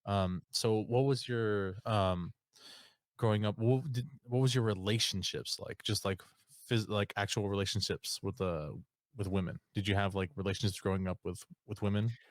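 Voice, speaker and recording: A male podcast host with a fairly low voice puts casual questions to his guest. He feels his way through each question with easygoing pauses and restarts. The recording is dry and close. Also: fairly even intonation, dry recording. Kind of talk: casual interview chat.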